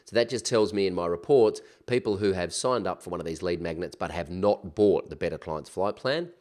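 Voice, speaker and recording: A man with a low-pitched voice walks through a software task in a casual, chatty way. He sounds stuffed up from a cold, with a nasal, pinched-nose tone. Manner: chatty, informal, with slangy asides. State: recovering from a cold. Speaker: software tutorial instructor. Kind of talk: casual screen-share tutorial.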